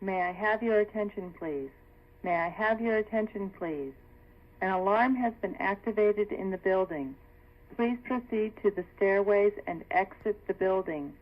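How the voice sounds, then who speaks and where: A woman's recorded emergency announcement played over a PA loudspeaker, formal and measured, giving instructions. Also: mid-range voice, recorded from a distance, dull audio. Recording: echoey loudspeaker heard from afar, noisy.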